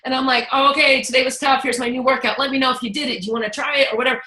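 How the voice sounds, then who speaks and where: Her voice sits high and she talks very fast, with a roomy sound to the recording. As host of a casual chat, she's candid and animated, weaving in asides and acting out quoted thoughts.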